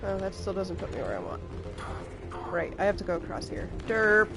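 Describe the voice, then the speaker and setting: A woman's voice: fairly low pitch, very animated, fairly quick, creaky, music in the background. A young woman chatting and laughing as she comments on her own live game play. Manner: chatty, laughs often, reacts loudly to gameplay. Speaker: streamer.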